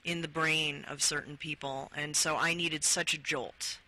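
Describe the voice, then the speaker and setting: A woman author, interviewed as a guest, who reads from her own book in a slow, deliberate way. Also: sits low, fairly even intonation, pushed and bright, low-quality recording. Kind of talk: interview and reading from her memoir.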